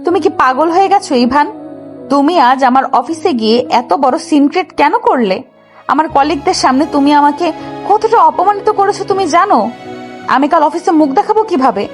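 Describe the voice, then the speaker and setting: Actress playing a firm, high-voiced older wife over soft music. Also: female voice, animated, brisk. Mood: upset. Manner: firm, scolding. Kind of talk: audio drama acting.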